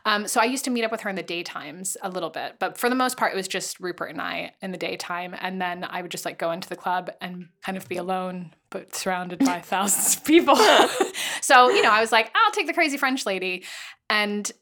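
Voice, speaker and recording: A woman's voice: fairly low pitch, fairly quick, fairly bright tone. A woman in her thirties telling candid stories in casual chat, full of "like", swearing freely and acting out quotes. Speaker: podcast guest storyteller. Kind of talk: casual chat, anecdotal storytelling.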